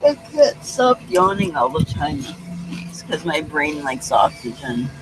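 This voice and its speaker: A woman's voice: low-pitched, very animated, a little slow, music in the background, rough recording. A woman chatting casually on a live stream from beside her van, easygoing and often trailing off mid-thought. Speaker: vlogger co-host. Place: outside by their van.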